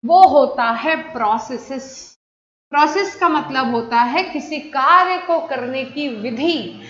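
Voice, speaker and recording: A woman's voice: sits high, a bit bright. A woman teaching an exam-prep English grammar lesson, explaining in Hindi mixed with English and asking her class questions that she answers herself. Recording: echoey room, dull lo-fi sound.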